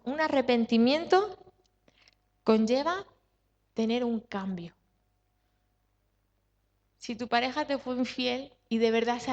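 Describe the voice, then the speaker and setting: A woman pastor with a Spanish accent from Spain preaching a sermon, stressing points with repetition and questions to the congregation. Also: on the high side. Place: church hall. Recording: dull sound with long hall reverb.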